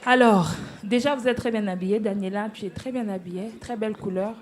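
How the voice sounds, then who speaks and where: A woman's voice: mid-range voice, a little fast, a little hiss or hum. A woman giving live feedback to singers as a competition judge, encouraging each act and blessing them.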